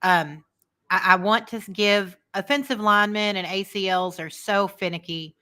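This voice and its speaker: A woman's voice: mid-range voice, normal speed, sharp tone. An American woman talking casually as co-host of a live football fan show. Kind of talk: casual live sports chat.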